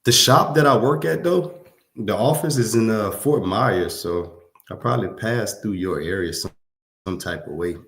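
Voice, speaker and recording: A man's voice: lowish voice, animated, moderate pace, creaky, a bit bright, roomy sound. A man from Louisiana, hosting a casual livestream, reading viewer comments and talking to them in a laid-back, slangy way. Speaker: livestream host.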